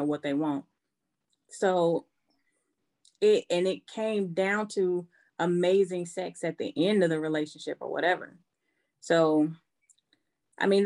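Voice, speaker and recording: A woman giving her candid opinion in a casual group chat, in an emphatic way. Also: lowish voice.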